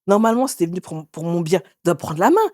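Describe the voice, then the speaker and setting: A woman in her forties, an author and interview guest, telling her own story in a lively way and acting out what others said. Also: fast talker, no echo, studio quality. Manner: animated, acts out others' words with sudden pitch jumps.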